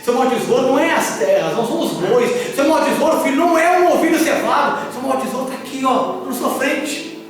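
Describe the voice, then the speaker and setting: A man's voice: extremely high pitch, animated, fairly quick. A preacher voicing a pleading loving father. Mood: tender. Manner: impassioned, repeating himself, rising to shouts. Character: loving older father pleading with his son. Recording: echoey church hall from far off, faint music.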